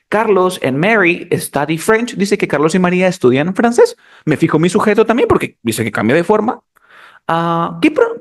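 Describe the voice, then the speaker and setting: Animated high-voiced male teacher. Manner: animated, addresses students as "chicos". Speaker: English teacher. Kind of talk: lesson explanation.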